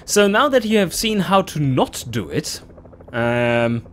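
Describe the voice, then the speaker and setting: Animated, slow-talking gaming host, a man. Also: fairly high pitch, slight background noise. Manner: animated, swears and laughs in frustration. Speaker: let's play host. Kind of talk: casual gameplay commentary.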